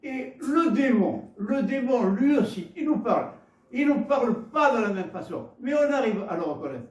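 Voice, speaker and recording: A man with a Gascon French accent delivers a sermon in a fairly high voice, halting and repeating words as he slips into homely stories. He is picked up from some way off the microphone, and the church hall around him rings with echo. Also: expressive, recorded from a distance. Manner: halting, repeats words, warm storytelling asides. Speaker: preacher.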